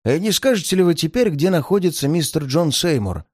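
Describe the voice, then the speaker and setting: A reader playing a calm, commanding detective. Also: medium pitch, a little fast, slightly rough, no room sound, studio quality. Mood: stern.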